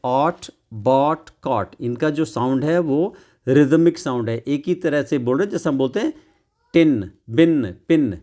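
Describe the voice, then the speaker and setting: A man teaches English from a children's workbook, his voice gravelly at a middle pitch. He explains slowly and repeats each word. He poses questions to his students and then answers them himself. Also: warm tone. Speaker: English tutor. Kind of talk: classroom lesson explaining a workbook.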